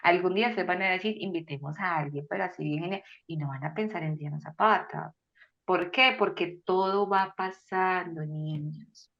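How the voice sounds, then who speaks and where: A woman speaks on a faith podcast in a somewhat low voice, animated and expressive, jumping into quoted voices with bursts of loudness. The audio is dull and lo-fi. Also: normal speed. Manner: animated, acts out quoted voices with sudden loud exclamations. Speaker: guest speaker. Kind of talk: faith-based podcast conversation.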